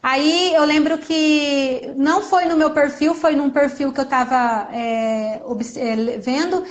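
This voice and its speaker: Earnest high-voiced woman on parenting. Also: slow. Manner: earnest, acts out gentle mother quotes. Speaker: guest speaker on parenting. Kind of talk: casual conversation.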